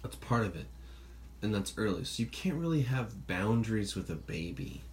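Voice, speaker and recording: A man's voice: fairly low pitch, very animated, normal speed, a little mellow. A man hosting a podcast in casual chat, rambling and swearing freely as he acts out quoted voices. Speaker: podcast host. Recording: faint background noise, birds outside.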